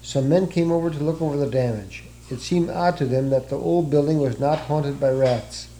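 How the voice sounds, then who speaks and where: A man reading a children's story aloud in a steady, measured way. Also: on the high side, low-quality recording.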